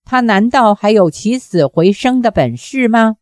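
A woman's voice: on the high side, animated, a little slow, darkish tone, no echo, studio quality. A woman reading out the lines of a scornful, defiant young swordsman in a cold, cutting way.

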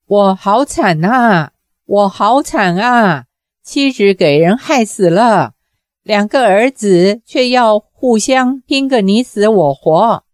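一位女性朗读者演绎一个因丧妻而疯癫的老年男子，嚎啕哭喊，声音粗厉。. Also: female voice, medium pitch, expressive, takes it slowly, dry recording, studio quality. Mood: wailing grief. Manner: sobbing, loud and harsh. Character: grief-crazed older man, wild and wailing. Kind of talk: audiobook character voice.

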